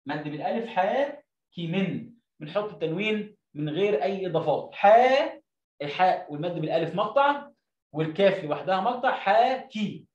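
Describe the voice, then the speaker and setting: A man with an Egyptian accent teaches an Arabic reading lesson in a high-pitched, expressive voice, drilling words by drawing them out syllable by syllable. He's far from the mic, and the sound is roomy, dull, and lo-fi.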